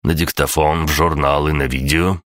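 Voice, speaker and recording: A man's voice: extremely low pitch, fairly even intonation, normal speed, a bit bright, no room sound, studio quality. A man voicing a smug, practical hospital doctor. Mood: businesslike.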